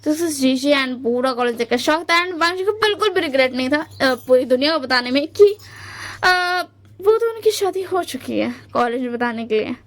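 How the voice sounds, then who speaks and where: A woman's voice: high-pitched, animated, moderate pace, a bit bright. A woman casually retelling a fan story, chatty and full of fillers, mixing English words into her talk. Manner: chatty, mixes English into Hindi, filler-heavy.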